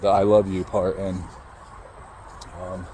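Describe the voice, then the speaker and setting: Low, mellow man telling a personal story. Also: little pitch movement, slight background noise, poor audio. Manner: halting, emotional, swears casually. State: emotional. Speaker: motivational speaker.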